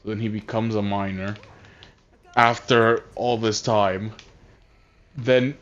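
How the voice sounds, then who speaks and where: A man's voice: lowish voice, steady tone, takes it slowly, a bit bright. Rambling exasperated man on lo-fi voice chat. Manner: rambling, exasperated, heavy swearing and restarts. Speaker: streamer. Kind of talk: casual rant on a voice call. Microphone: voice chat headset. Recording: dull lo-fi console chat audio.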